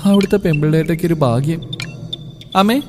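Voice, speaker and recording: A man's voice: a little high, a little fast, background noise. A man narrating a story in a chatty, playful way. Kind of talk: storybook narration, voicing all roles. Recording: long hall reverb, music behind.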